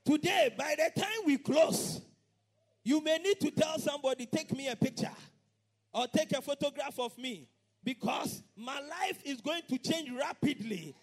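A man preaching a sermon, shouting and chanting repeated phrases. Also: very high-pitched, animated, normal speed, soft background music.

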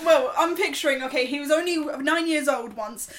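A woman's voice: high-pitched, moderate pace, fairly bright tone, a little hiss or hum. A woman rambling and giggling as she makes up a silly story in a group game chat. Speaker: player pitching a story.

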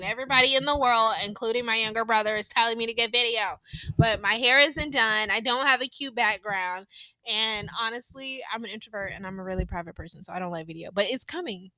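Bright-voiced woman podcast host. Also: mid-range voice, no echo. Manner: laughs often, chatty and animated. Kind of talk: casual family chat. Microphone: close podcast mic.

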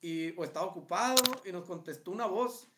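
A man's voice: high-pitched, expressive, quick pace, very noisy. A man with a Mexican accent, co-hosting a casual podcast, reading listener stories aloud and joking about them. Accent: Mexican Spanish. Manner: laughs often, reads aloud and jokes about the text. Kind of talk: casual comedic chat.

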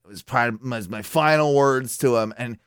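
A man's voice: medium pitch, brisk, smooth, dry recording, studio quality. A man hosting a radio show, telling a profane, rambling story in casual chat.

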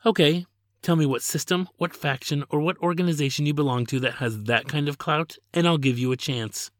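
A man's voice: on the high side, fairly quick, fairly bright tone, no echo, voice pushed up, lightly acted. Brief: man reading as a haughty young princess, dry and cutting, slightly raised voice. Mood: disdainful. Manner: curt, disdainful. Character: proud young woman, princess rejecting a suitor, disdainful.

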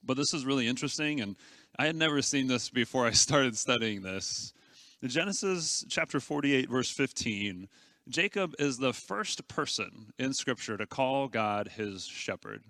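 A man's voice: medium pitch, lively intonation, normal speed, bright, forceful tone, no room sound. A man preaching an earnest, conversational sermon as a pastor, often stammering and restarting his phrases.

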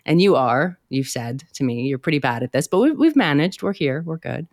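A woman with a creaky, slightly hoarse voice, chatting casually and playfully as a podcast interviewer. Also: low-pitched, big pitch swings, a little fast, a little mellow, no room sound, studio quality. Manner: laughs easily, playful. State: hoarse from bronchitis. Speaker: podcast host.

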